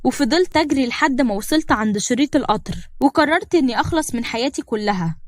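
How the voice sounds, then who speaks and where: Young egyptian woman telling a dramatic cartoon story, fast talker, dead dry mic. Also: high-pitched, expressive, dry recording. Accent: Egyptian Arabic. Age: young adult. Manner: dramatic first-person storytelling. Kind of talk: scripted storybook narration.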